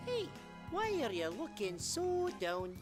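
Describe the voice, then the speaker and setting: A woman's voice: on the high side, huge pitch swings, over music, full character voice. A woman voicing a chatty, pushy fortune-teller machine in a game mod, talking eagerly. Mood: cheerful. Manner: eager, pushy, quick to laugh. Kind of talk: fan voice acting for a game mod.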